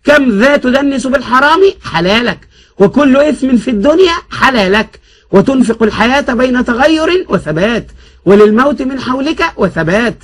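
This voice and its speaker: A man's voice: extremely high pitch, animated, normal speed, a bit bright, heavily acted. A man voicing a tearful male preacher collecting donations on a bus, sermonizing in solemn rhymed prose. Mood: pleading.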